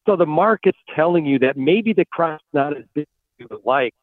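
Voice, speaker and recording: A man analysing farm markets as a guest on a call-in radio interview, heard over a buzzy, glitchy phone connection that breaks up, talking in halting bursts with repeated words. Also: fairly high pitch, expressive, dry recording. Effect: buzzy, glitchy phone call audio that breaks up. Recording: dry, tinny phone line.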